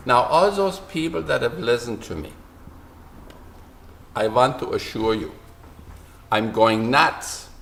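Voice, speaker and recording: Speaking slowly in a gravelly, medium-pitched voice with long pauses, a middle-aged German artist vlogger rambles through a self-mocking, animated rant he recorded himself, repeating phrases. A little hiss or hum is audible.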